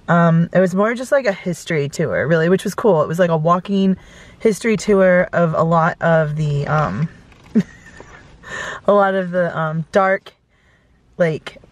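A woman's voice: on the low side, unhurried. A woman in her thirties, chatting casually into a camera from inside her car, rambling with lots of fillers. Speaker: vlogger. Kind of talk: casual storytelling. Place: inside a parked car at night. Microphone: camera close in front.

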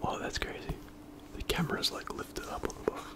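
Someone whispering casually in an ASMR finger-tapping video, rambling in informal, self-deprecating slang with a breathy, unvoiced voice. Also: fairly quick. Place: indoors at home.

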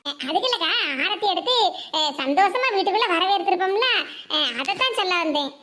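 A woman's voice: very high-pitched, animated, brisk, a bit bright. A woman doing a flustered, stammering mother-in-law. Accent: Tirunelveli Tamil. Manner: hesitant, stammering excuses. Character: nervous mother-in-law dodging questions.

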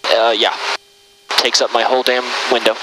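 A man working as a boom operator, giving clipped, matter-of-fact distance callouts and chatting over a headset in an aircraft. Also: little pitch movement, normal speed. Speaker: aerial refueling boom operator. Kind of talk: terse refueling callouts and cockpit chat. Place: tanker aircraft in flight. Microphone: aircrew headset on intercom. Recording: intercom audio under loud engine noise.

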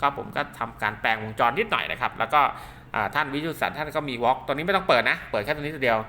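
A man's voice: mid-range voice, expressive, fast talker, sharp tone. A man giving an informal hands-on product demonstration, explaining in a repetitive way with frequent polite tags. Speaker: product demonstrator and maker of radio link cables. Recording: clear background noise.

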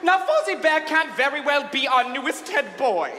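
A man's voice: extremely high pitch, big pitch swings, normal speed. A man playing Dumbledore, a flamboyant, scolding old headmaster with a fussy, theatrical manner, in a comic staged reading. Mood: scolding, exasperated. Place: on stage in a large hall. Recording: echoey noisy hall with live audience.

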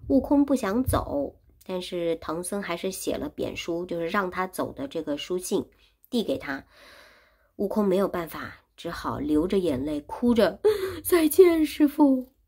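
A woman's voice: lowish voice, animated, normal speed, darkish tone, slightly rough. A woman teaching Chinese who retells a classic story in simple words and repeats and explains each phrase. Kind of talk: storytelling lesson.

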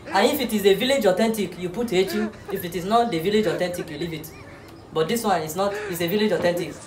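A woman's voice: on the low side, background noise. A woman giving a joking spelling lesson, playful and repetitive, laughing often. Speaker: comic host. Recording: roomy echo.

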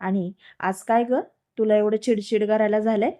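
A woman narrator voices a short-tempered young husband who snaps back gruffly. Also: medium pitch, steady tone, moderate pace, natural voice. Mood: angry. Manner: gruff, shouting orders.

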